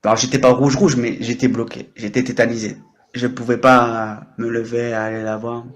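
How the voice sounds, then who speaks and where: A man's voice: mid-range voice, flat delivery, normal speed. A man in his late thirties chatting on an improvised livestream, very talkative, jumping between topics, teasing his viewers and joking about himself. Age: 30s. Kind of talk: casual improvised livestream chat. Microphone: microphone.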